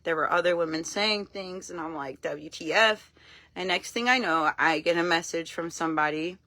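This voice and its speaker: Talking to camera on a live stream, a woman recounts her story with blunt honesty and lots of animation, performing other people's lines. Her voice runs low and a little fast, and the recording is dry.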